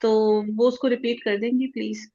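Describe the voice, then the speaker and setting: A woman's voice: a little high, flat delivery, normal speed, mellow, muffled recording. A woman student on a video call asking a teacher to repeat a point, hesitant and searching for words. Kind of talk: asking questions in online class.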